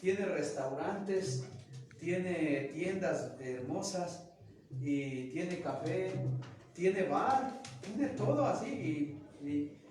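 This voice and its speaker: Animated Mexican teacher in an echoey classroom. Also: male voice, high-pitched. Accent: Mexican Spanish. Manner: animated, acts out quoted voices. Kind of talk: classroom lecture. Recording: echoey room from far off, faint noise.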